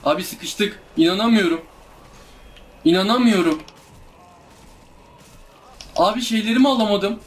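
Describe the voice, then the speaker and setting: A man's voice: high voice, measured pace, pauses often. A young man commenting live on a hard game he is playing, exasperated, groaning and pleading with the enemies as he keeps losing. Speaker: gameplay streamer.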